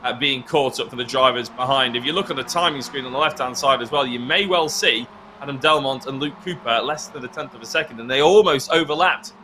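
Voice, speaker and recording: A man giving excited live race commentary as lead commentator, his voice going hoarse and breaking into shouts at overtakes. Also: mid-range voice, brisk, slight background noise. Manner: excitable, builds to shouts at passes.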